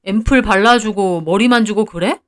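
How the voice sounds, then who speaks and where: A woman's voice: medium pitch, normal speed, lightly acted. A woman voicing a jealous, moody young man who is the narrator's fiancé, curt and sulky, in read-aloud story dialogue.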